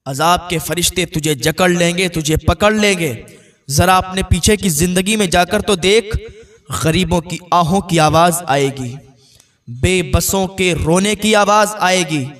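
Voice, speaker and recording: A man voicing a stern, unseen voice that warns a sinner in a dream, speaking slowly and admonishingly. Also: high voice, a bit bright, recorded from a distance. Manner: slow, drawn-out, admonishing.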